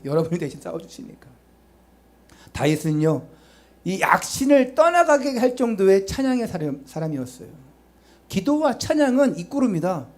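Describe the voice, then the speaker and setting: A man's voice: fairly high pitch, a little mellow. A male pastor preaching a sermon, urging the congregation with rhetorical questions and chatty asides to them.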